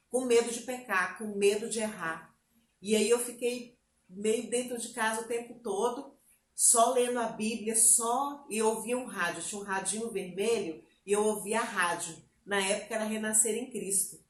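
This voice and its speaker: The recording sounds roomy as a woman from Bahia, Brazil, shares her conversion testimony in a relaxed interview, voicing what she once said. She speaks at a moderate pace in a fairly high pitch.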